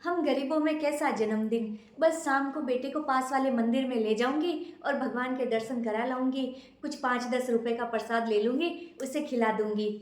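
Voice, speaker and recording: A woman doing a poor, gentle housemaid who speaks with quiet deference. Her voice sits fairly high for a woman, and it rings around a bare room with a noticeable echo. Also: moderate pace, hardly any pauses, lightly acted. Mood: humble. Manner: deferential, addresses employer politely. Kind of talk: home-made short drama acting. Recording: echoey room.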